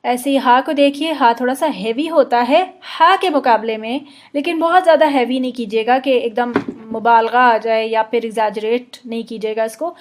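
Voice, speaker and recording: A woman teaching Arabic letter sounds, explaining patiently and drawing out slow model pronunciations. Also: fairly high pitch. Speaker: Quran recitation teacher. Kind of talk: instructional explanation with slow demonstrations.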